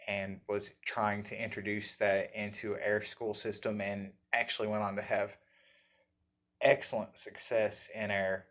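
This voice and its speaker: A man with an Appalachian accent chatting casually in a folksy, halting, self-deprecating way, as the host of a guitar vlog. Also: fairly low pitch, little pitch movement, a bit bright. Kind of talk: casual rambling chat.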